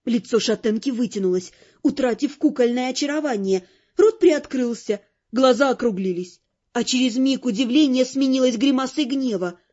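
High, mellow woman's voice reading an audiobook with wry expression. The sound is dull and lo-fi, and her narration stays scripted throughout. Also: animated, moderate pace, breathy edge.

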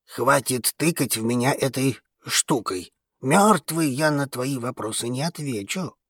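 A woman putting on a husky, gruff old man. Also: very deep voice, animated, a little slow, no echo, clean studio sound, pitched below the performer's own voice, heavily acted. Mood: cynical. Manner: surly, blunt and dismissive. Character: gruff cynical old male space trader.

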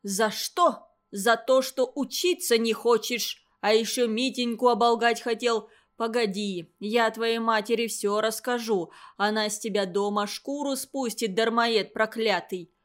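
Woman putting on a harsh old tutor who shouts at pupils. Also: a little high, fairly even intonation, unhurried, hardly any pauses, natural voice. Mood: angry scolding. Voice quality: harsh, scolding. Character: huge cruel old woman tutor, furious and shrill.

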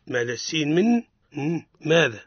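A man with a Tunisian Arabic accent teaching the rules of Quran recitation on the radio, explaining each rule, quizzing his student and chanting verses slowly. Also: a little high, very animated, breathy edge, dry recording, muffled recording.

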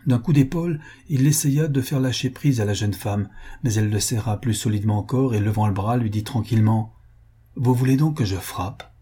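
A man narrating a literary audiobook in a measured, expressive reading. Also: lowish voice, slightly rough.

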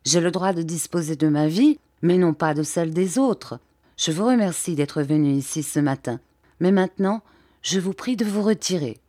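A woman's voice: on the low side, lively intonation, warm tone, no echo. Woman reading a grave, formal English scientist. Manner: measured, formal. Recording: dry close audiobook recording.

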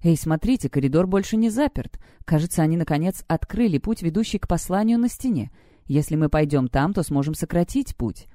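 A woman's voice: fairly low pitch, expressive, a little fast, mellow, no echo, close to an everyday voice. A woman voicing a blunt, hot-tempered teenage schoolgirl who scolds and swears. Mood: brash. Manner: brash, scolding.

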